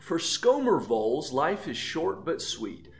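A man's voice: on the high side, very animated, measured pace, vocal fry. A man hosting an animal quiz, reading playful clues and teasing the contestants. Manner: jokey, teasing, laughs between lines. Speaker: quiz host.

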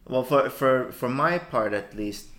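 A man's voice: mid-range voice, expressive, unhurried, a bit bright. A young man from Sweden, a podcast guest, speaking hesitantly with many fillers and short answers. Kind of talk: casual podcast chat.

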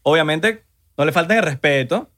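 Animated venezuelan man joking around. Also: a little high, moderate pace. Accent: Venezuelan Spanish. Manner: joking, animated, slips into mock voices. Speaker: podcast co-host. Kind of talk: casual chat.

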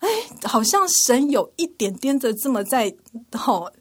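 A woman's voice: fairly high pitch, lively intonation, unhurried. A woman, a radio interview guest giving an earnest, emotional personal testimony. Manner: earnest, emotional storytelling with frequent laughs. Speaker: interview guest, TV department manager.

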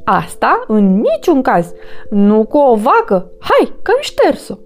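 Woman doing a fussy, croaking know-it-all crow. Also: fairly high pitch, huge pitch swings, soft background music. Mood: scornful. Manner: fussy and superior, croaking "crax".

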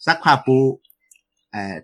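A male schoolteacher telling stories in a casual interview, jokey and lively, slipping into acted quotes. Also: measured pace.

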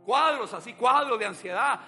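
A male pastor, preaching an animated sermon that swings from soft talk to shouting. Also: very high-pitched, normal speed, faint music behind.

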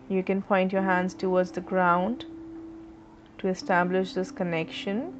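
A woman leading a guided chakra meditation in a slow, soothing, instructive way. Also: medium pitch. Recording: slightly dull audio with faint music.

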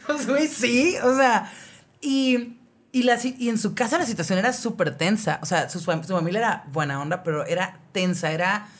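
A woman with a Mexican accent, a podcast co-host, telling a personal story in a slangy, animated way full of fillers. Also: medium pitch, moderate pace. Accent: Mexican Spanish. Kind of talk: casual chat, personal storytelling.

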